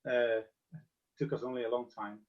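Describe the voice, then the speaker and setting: Man, band member, relaxed jokey storyteller, casual interview, slightly muffled lo-fi sound. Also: mid-range voice, moderate pace.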